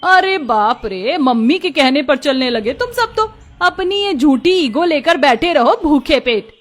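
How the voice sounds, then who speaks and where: A woman voicing a haughty, mocking rich neighbor in a cartoon story, drawling her taunts slowly. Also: high voice, animated. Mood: scornful. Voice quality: sneering, drawn-out taunting delivery.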